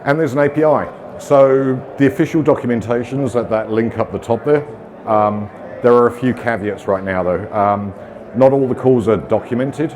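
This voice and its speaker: A middle-aged British man from the UK gives a casual, self-deprecating technical talk to an audience in a conference room, with plenty of ums and uhs. His voice sits at medium pitch and normal speed, a little mellow, with a faint hiss or hum on the recording.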